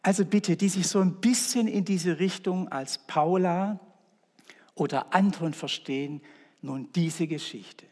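A man's voice: sits high, a little slow, darkish tone. A man preaching a sermon in a church, emphatic and repeating his key words. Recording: echoey church reverb.

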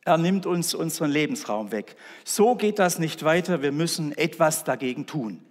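A man's voice: on the high side, lively intonation, moderate pace. A man voicing a majestic male lion king from a fable, reading the lines in a raised, emphatic voice. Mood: commanding. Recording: echoey church reverb.

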